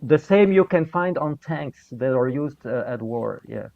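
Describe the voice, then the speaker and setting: Over muffled video call audio, a French-speaking guest from Belgium talks casually, pausing hesitantly as he looks for English words. His mid-range, creaky voice has lively intonation and a slightly slow pace.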